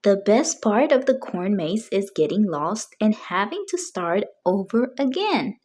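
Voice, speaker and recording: A woman reading a picture book aloud for young children, with deliberate, expressive phrasing. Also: mid-range voice, slightly rough. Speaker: children's storybook reader.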